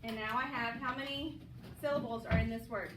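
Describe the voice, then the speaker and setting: A woman's voice: fairly high pitch, steady tone, fairly quick. A woman teacher leading a classroom phonics lesson, upbeat and coaxing as she calls on students by name. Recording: roomy, distant mic, audible noise.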